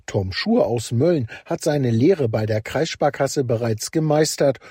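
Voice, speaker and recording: Male news reporter, husky, dry studio sound, scripted report. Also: mid-range voice, expressive, measured pace, dark tone, no room sound. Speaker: radio reporter.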